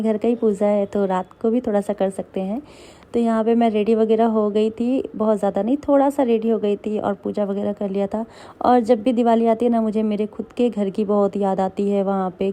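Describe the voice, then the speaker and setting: A young woman narrates her vlog in a loose, chatty voice-over. Her voice is slightly hoarse and very warm and dark. She speaks with little rise and fall and sounds worn out. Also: mid-range voice. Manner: chatty, rambling, tired. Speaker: vlogger.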